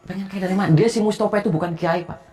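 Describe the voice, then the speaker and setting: A man's voice: high-pitched, steady tone, rapid-fire, very noisy, close to an everyday voice. A man playing an indignant young motorbike-taxi driver who confronts a family and defends his girlfriend. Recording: loud music underneath.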